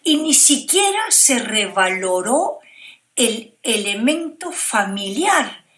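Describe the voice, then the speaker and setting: This Peruvian academic guest speaks slowly, her somewhat high voice sing-song and fairly bright, with a Peruvian Spanish accent. She gives her opinions thoughtfully and frequently tacks on tag questions to see if listeners agree.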